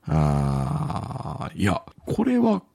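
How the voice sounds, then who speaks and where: A man's voice: very slow, creaky. A man, telling a story in casual chat as podcast co-host, laughing often. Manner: animated storytelling, swoops up in pitch, laughs often.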